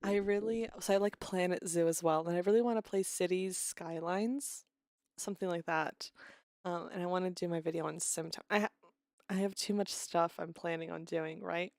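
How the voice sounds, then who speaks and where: A woman's voice: lowish voice, steady tone, normal speed, darkish tone, no echo, studio quality. A woman streamer chatting casually with her viewers, rambling and restarting her sentences, a little unwell with a cough.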